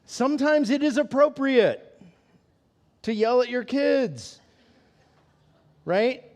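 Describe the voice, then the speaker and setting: A man with a notably high speaking voice preaches in a loose, conversational way. He is candid and self-deprecating, laughing often and checking in with his listeners through quick questions. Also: animated, a little mellow. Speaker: pastor. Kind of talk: conversational sermon.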